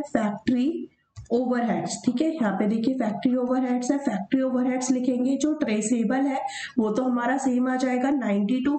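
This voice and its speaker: A woman's voice: high-pitched, warm tone, roomy sound, poor audio. Woman teacher talking through a worked problem. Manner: reads the question slowly, then explains step by step; asks questions and answers them herself. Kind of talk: lesson over handwritten notes. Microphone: voice-over of screen notes.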